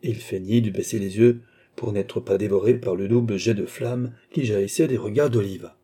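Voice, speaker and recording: A man narrating a classic novel as an audiobook in a steady, measured reading. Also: lowish voice, slightly rough.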